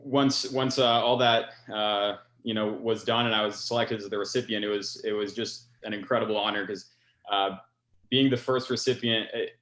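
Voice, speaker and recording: A man's voice: fairly low pitch, a bit bright, roomy sound. A young man in his twenties, a pilot, answering interview questions earnestly with many fillers. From France. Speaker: scholarship recipient, pilot.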